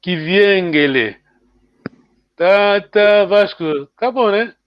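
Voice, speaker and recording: A man teaching a language class over a call, repeating words slowly and checking in with "hein" after nearly every phrase. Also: sits high, expressive, clear, resonant tone, dry recording, lo-fi sound. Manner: switches between French and Portuguese.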